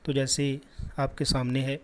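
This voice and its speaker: Man, teacher, patient and slow-spoken, middle pitch, classroom lesson. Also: completely flat delivery. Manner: patient, repeats sounds slowly for children.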